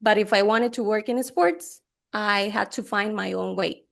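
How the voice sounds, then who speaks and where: A woman's voice: medium pitch, fairly even intonation, moderate pace, creaky. A middle-aged woman from Rica, chatting enthusiastically as a guest at a conference. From Costa Rica. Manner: enthusiastic, chatty, laughs easily. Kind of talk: conversational interview answer.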